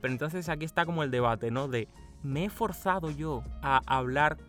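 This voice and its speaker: Co-hosting a relaxed podcast chat, this young man from Cuba, who has a Madrid Spanish accent, gives long explanations punctuated by frequent laughter. His voice is fairly high and fairly bright, at a moderate pace, and faint music plays in the background.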